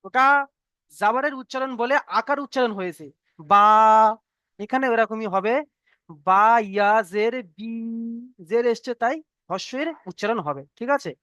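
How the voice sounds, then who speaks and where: An online Quran reading teacher who goes over each letter rule slowly. The teacher repeats every point several times and keeps checking that the students follow. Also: mid-range voice, bright, forceful tone, no room sound, studio quality. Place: online video class, students on mute.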